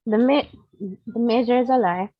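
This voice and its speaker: A woman's voice: a little high, moderate pace, dry recording. A woman in an online club meeting who reads out the chat, playful and laughing between words. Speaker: club member reading the chat. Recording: dull lo-fi online call audio.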